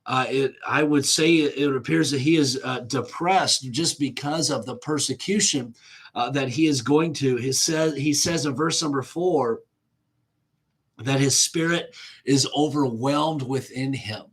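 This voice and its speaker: A man preaching an earnest sermon as pastor, often pausing with fillers and slowing down for quoted prayers. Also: mid-range voice, husky. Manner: earnest, with frequent filler "uh" and restarts.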